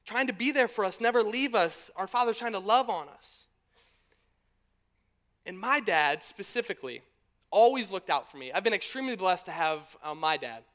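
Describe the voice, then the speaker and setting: Young male youth preacher, high and bright, lively slangy storyteller. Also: moderate pace. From United States. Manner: animated storyteller, slangy, swings from hushed to shouting. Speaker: youth pastor.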